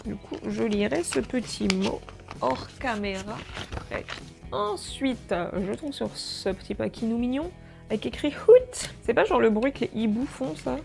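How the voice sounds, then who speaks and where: A woman with a slightly high voice and a lot of vocal fry chats through an unboxing video. She is jokey and full of exclamations and throws in the odd swear word. Soft music plays faintly underneath. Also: animated, a little slow. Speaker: beauty vlogger. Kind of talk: casual unboxing chat.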